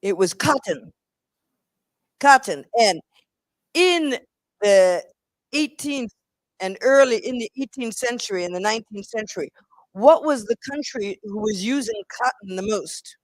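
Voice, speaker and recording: A middle-aged woman professor giving an academic lecture, deliberate, repeating words and restarting phrases, asking the audience questions and answering them herself. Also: fairly high pitch, animated, no room sound, poor audio.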